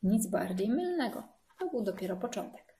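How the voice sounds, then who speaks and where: A woman's voice: mid-range voice, very animated, moderate pace, mellow. Woman reading a children's story. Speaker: narrator.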